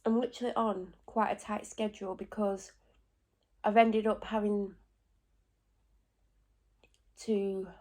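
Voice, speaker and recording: Speaking in a level, slightly mellow mid-range voice, a vlogger recounts her morning from home. Her cold makes her sound stuffy and bunged up, and her chatty delivery meanders through quick asides and corrections of herself.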